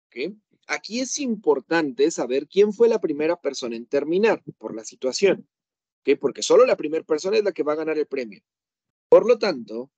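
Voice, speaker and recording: A man's voice: a little high, a little mellow, no echo. A man teaching English grammar to a class, explaining with everyday examples and checking in often.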